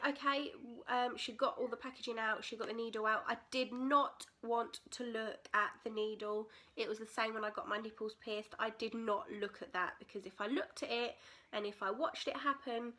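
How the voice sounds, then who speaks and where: A woman's voice: on the high side, pushed and bright. A British woman in her twenties telling a personal story in a casual, candid, chatty vlog style. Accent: British English. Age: 20s. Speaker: vlogger.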